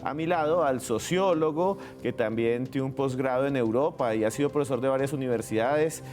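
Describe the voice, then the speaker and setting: A man's voice: medium pitch, normal speed, a little mellow, faint music behind. A man presenting as host in a dramatic documentary style, with theatrical questions. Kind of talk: dramatic scripted show introduction, documentary-like presenting.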